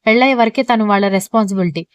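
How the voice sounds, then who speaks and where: Bossy, caring middle-aged mother-in-law, read by a woman; firm and scolding, quick and smooth. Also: a little high, no echo, studio quality, close to an everyday voice.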